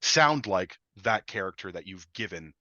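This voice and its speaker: An enthusiastic man co-hosts a webinar, explaining in a casual way and often restarting phrases. His bright voice swings widely in pitch. The sound is dry and slightly dull, like a lo-fi recording. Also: animated, moderate pace, dry recording. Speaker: webinar co-host.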